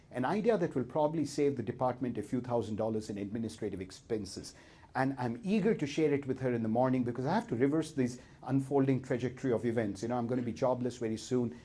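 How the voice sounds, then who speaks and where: A man giving a humorous seminar talk, telling stories in a lively way and acting out voices. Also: medium pitch, slightly rough. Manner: lively storytelling with acted-out voices. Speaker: speaker.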